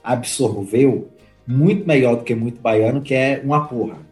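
A man's voice: mid-range voice, normal speed, a little mellow. A man from Bahia with a Bahian Brazilian accent, chatting casually as a podcast co-host. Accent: Bahian Brazilian Portuguese. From Ilhéus, Bahia, Brazil. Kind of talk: casual chat. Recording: roomy echo, music behind.

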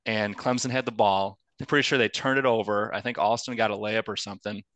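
Low guy w a bright edge, ex player, animated storyteller, dry close mic. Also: quick pace, no room sound. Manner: lively storyteller. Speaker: former college basketball player, podcast guest. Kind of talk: casual podcast chat.

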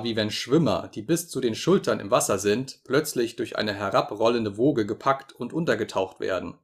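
A man narrating an audiobook in a measured, dramatic reading style. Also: medium pitch. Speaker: audiobook reader.

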